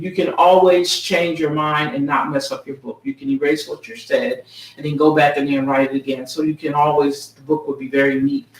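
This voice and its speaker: A woman author chatting casually on a live video about her book, often tagging her sentences with "okay?". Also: deep voice. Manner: casual, ends many sentences with a checking "okay?". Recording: roomy echo, mic set far off.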